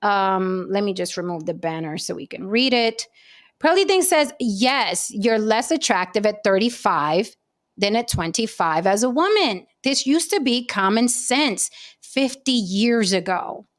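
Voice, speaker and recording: Hosting a casual panel talk show, a woman in her late forties tells stories in a chatty, animated style packed with asides. Her voice is medium-pitched and unhurried.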